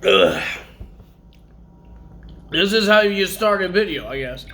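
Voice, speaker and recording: A man's voice: high voice, sing-song, takes it slowly, bright, forceful tone, slight background noise. A man recapping wrestling results in a casual vlog, rambling and correcting himself while he has the hiccups.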